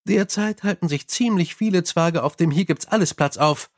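A man's voice: high-pitched, moderate pace. A man voicing an earnest, dutiful young police captain who reports in a polite and efficient way.

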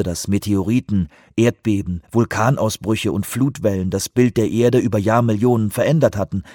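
A man narrating an audiobook in a measured, tense storytelling voice with a husky tone. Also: medium pitch, darkish tone, dry recording, clean studio sound. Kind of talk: scripted narration.

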